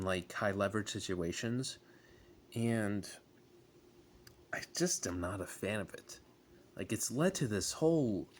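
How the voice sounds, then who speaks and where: A man on a casual sports rant as a fan, exasperated, with groans and emphatic bursts. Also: mid-range voice.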